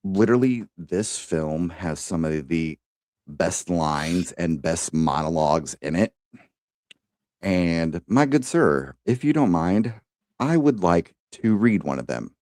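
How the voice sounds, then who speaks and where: Deep, slow-talking man podcaster. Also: expressive, a little mellow, dry recording, studio quality. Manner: enthusiastic, swears freely, laughs often. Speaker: podcast co-host. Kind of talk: casual chat.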